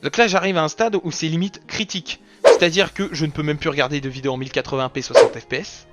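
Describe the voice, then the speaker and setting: A man's voice: a little high, fairly even intonation, quick pace, loud music behind the voice. Slangy young man recapping his channel. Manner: slangy and joking. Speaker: YouTube gaming creator. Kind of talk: casual anniversary recap video.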